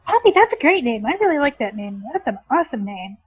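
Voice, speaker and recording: A woman's voice: a little high, sing-song, fast, slightly rough, dull audio. A woman voicing an eager, awestruck young adventurer who gushes with praise. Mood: gushing. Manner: effusive, eager.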